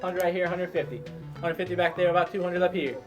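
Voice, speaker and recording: A man's voice: high-pitched, steady tone, fast talker, dull audio, music in the background. A man working as an auctioneer, calling out bids and repeating prices in a chant. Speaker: auctioneer and host. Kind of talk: live auction calling of game lots.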